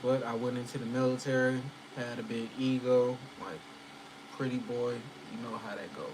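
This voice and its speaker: A man's voice: medium pitch, level tone, moderate pace, background noise. A man in his early thirties chatting loosely at home with viewers, rambling, full of fillers and swearing. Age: 30s. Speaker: channel host chatting with viewers. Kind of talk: casual livestream chat.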